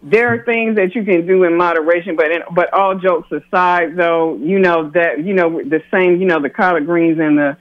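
A high-voiced man rambles through a casual radio chat as a guest doctor, circling back on his words and laughing easily. The sound is dull and lo-fi. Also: fairly even intonation, normal speed, hardly any pauses.

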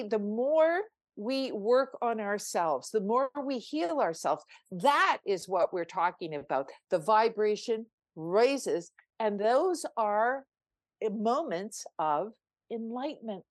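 A woman's voice: on the high side, lively intonation, takes it slowly, dry recording, studio quality. An older woman, a spiritual coach, telling a personal story on a podcast in an earnest, emphatic way, with frequent restarts.

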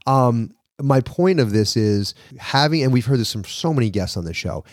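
A man's voice: mid-range voice, expressive, normal speed, darkish tone, no echo. Rambling New York man, dry sound. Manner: rambling, with many fillers and restarts. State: recovering from a cough. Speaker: podcast co-host. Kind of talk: casual podcast chat.

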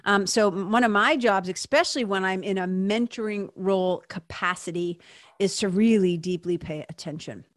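A woman's voice: mid-range voice, normal speed, no echo. Chatty woman hosting a podcast, dry close sound. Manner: informal, conversational, emphatic repetition, checks in with listeners. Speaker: podcast host and spiritual mentor. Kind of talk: casual solo podcast talk.

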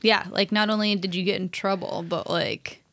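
A woman's voice: mid-range voice, fairly even intonation, fairly bright tone, dry recording. A woman in her late twenties from Los Angeles, co-hosting a podcast in a playful, joking way. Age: late 20s. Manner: playful, quick to joke. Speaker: podcast co-host. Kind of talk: casual chat.

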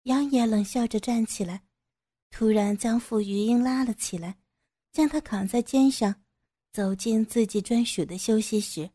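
A woman narrating an audio story in a steady, unhurried storytelling manner, close to the mic. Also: a little high, no echo.

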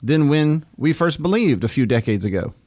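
A man, a pastor co-hosting a podcast, explaining a Bible passage in a measured, deadpan way. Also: a little high, dry recording, studio quality. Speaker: pastor and co-host.

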